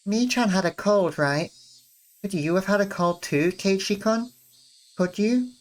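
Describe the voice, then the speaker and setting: A reader voicing a sweet, cheerful teenage schoolgirl in a visual novel, in a bright, sing-song voice raised well above their own. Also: mid-range voice, unhurried, voice pushed up, natural voice. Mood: sweet, concerned. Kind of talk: reading a visual novel aloud.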